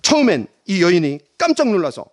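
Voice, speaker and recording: A middle-aged male pastor preaches dramatically, swinging from loud emphasis to hushed near-whispers and leading the congregation in reading aloud. His voice is high-pitched and brisk, with wildly swooping pitch.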